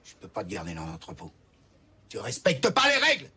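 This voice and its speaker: A man's voice: on the low side, big pitch swings, brisk, slight background noise. An actor playing a strict male boss scolding an employee. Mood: angry. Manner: scolding, interrogating.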